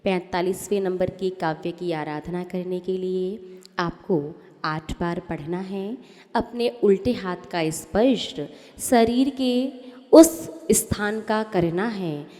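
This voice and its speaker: A woman, a Jain nun, teaching a hymn in a sermon-style lesson, chanting the verses slowly and correcting pronunciation line by line. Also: fairly low pitch, warm tone, long reverb tail.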